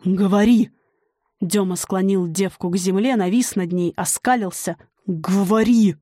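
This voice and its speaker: A woman reading a dark folk fantasy as an audiobook narrator, measured and dramatic. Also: mid-range voice, no room sound, clean studio sound. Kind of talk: scripted narration.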